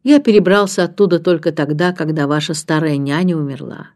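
Woman reading as a soft-spoken dreamy scholar. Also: deep voice, brisk. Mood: wistful. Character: gentle male scholar, dreamy and grateful.

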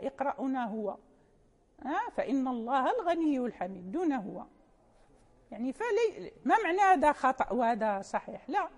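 High-voiced woman teaching in a hall. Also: darkish tone. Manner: explains patiently, quotes verses and poems in a chanting lilt. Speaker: Quran recitation teacher. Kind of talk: informal classroom lecture.

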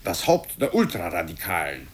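With huge pitch swings and a husky, exaggerated low voice, a man portrays a pompous politician in a satirical radio story. He declaims accusations at his rival at a moderate pace, sounding self-righteous and accusing.

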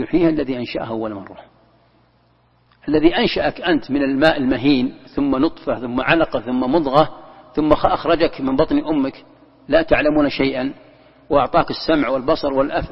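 A man's husky mid-range voice, marked by vocal fry, carries a sheikh's Quran commentary lesson: step-by-step explanation, repeated key words, and a demonstration of how a verse is recited. The audio is dull and lo-fi, set in a long-echoing hall.

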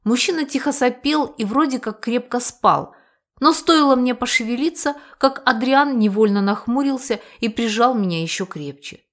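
A woman narrating a first-person audiobook in a lively, wry, conversational way. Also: fairly high pitch, moderate pace.

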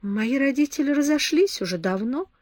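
A woman voicing a frightened, tearful eighteen-year-old girl who pleads timidly in a high voice. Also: animated, normal speed, a little mellow, no echo, clean studio sound. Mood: pleading. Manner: pleading, timid, on the verge of tears.

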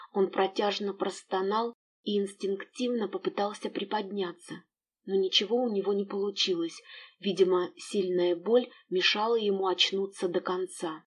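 A woman narrating an audiobook in an expressive storytelling manner. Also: mid-range voice, husky.

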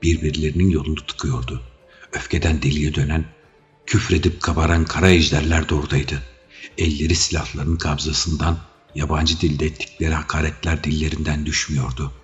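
Male narrator, dramatic audiobook reading, very deep voice, dull lo-fi sound. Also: little pitch movement, a little fast. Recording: dull audio with faint music.

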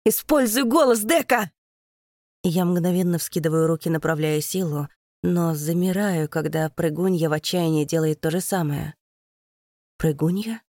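A woman's voice: low voice, steady tone, normal speed, mellow, no room sound, clean studio sound. A woman narrating a first-person fantasy audiobook in a tense, dramatic reading.

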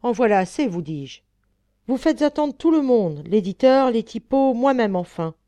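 A woman reading an audiobook voices a young man, the story's author, who scolds loudly and with contempt. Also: on the low side, sing-song, unhurried, no room sound. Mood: scornful scolding.

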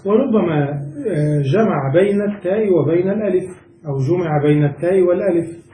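A man teaches a classical grammar lesson, walking through each rule and putting questions to his students. His voice is dark and mellow, set a bit high for a man. It is caught from some distance in a roomy, echoing space. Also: expressive, brisk. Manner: explains step by step, quizzes students. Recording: echoey room, voice far from mic.

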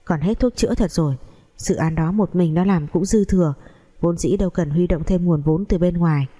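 A woman's voice: lowish voice, moderate pace, warm tone, close to an everyday voice. A woman voicing a wealthy middle-aged father who talks in a resigned, advising way.

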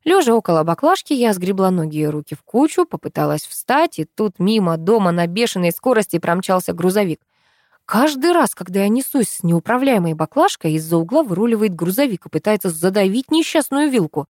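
A woman narrating an audiobook in a wry, expressive storytelling manner. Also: mid-range voice, a little fast, dry recording, studio quality. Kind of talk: audiobook narration with character voices.

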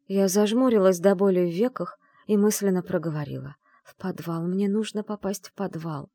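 A woman reading a first-person novel aloud in measured storytelling narration. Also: medium pitch, mellow, no room sound, clean studio sound. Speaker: audiobook reader. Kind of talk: scripted narration.

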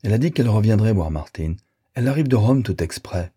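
Man doing a piping cheeky little girl, excitable, high. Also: quick pace, breathy edge, no room sound, clean studio sound. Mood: excited.

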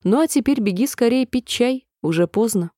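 A woman voicing a gentle, affectionate older sister speaking tenderly in a storybook reading. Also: on the high side, expressive, moderate pace, no room sound, studio quality, pitched above the performer's own voice.

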